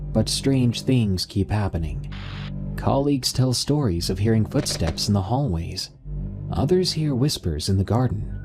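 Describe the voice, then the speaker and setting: A man narrating a horror story in a measured storytelling style. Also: on the low side, warm tone.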